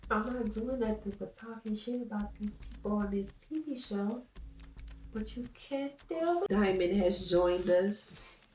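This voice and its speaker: A woman's voice: mid-range voice, unhurried, mellow, recorded from a distance. A young woman vlogger giving a casual, blunt and opinionated recap in which she swears freely. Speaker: vlogger recapping a reality show. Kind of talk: casual commentary. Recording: echoey room with faint music behind.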